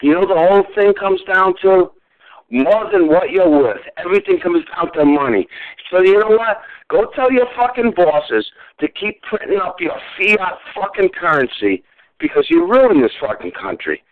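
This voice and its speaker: A man's voice: high-pitched, lively intonation, normal speed. A man in his forties in a heated phone argument, furious, swearing and repeating himself over and over. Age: 40s. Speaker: call recipient. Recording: tinny phone line.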